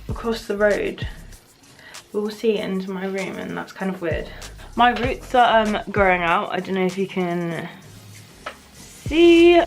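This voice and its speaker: A woman vlogging casually about her routine, chatty and informal with self-deprecating asides. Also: on the high side. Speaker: beauty vlogger.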